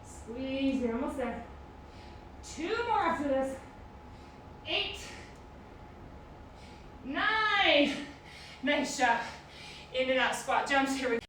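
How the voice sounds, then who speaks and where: Female aerobics instructor, high-pitched and slow-paced, counting reps and giving encouraging form cues; very reverberant room recording. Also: expressive, fairly bright tone. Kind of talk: group workout coaching, counting reps and cueing exercises. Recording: very echoey room, distant mic, noisy.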